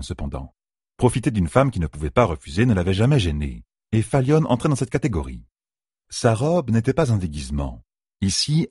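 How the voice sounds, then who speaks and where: A man reading a novel aloud as an audiobook narrator, with expressive rising and falling delivery. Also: sits low, slightly rough, dry recording, clean studio sound. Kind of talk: scripted narration.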